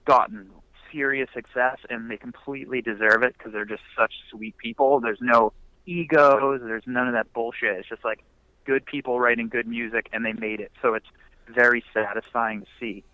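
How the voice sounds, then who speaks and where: Heard through a phone line with muffled sound, a young male musician being interviewed by phone rambles in a relaxed, casual manner full of filler words. He has a mid-range voice with a steady tone and moderate pace, recorded dry.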